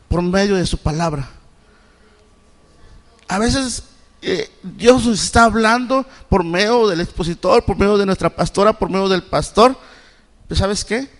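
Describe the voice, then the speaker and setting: A man's voice: sits high, long reverb tail. A middle-aged man from Mexico preaching a Sunday school sermon. He keeps asking the congregation questions and often stops and restarts his sentences. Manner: asks the congregation repeated questions; halting, with many restarts. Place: church sanctuary.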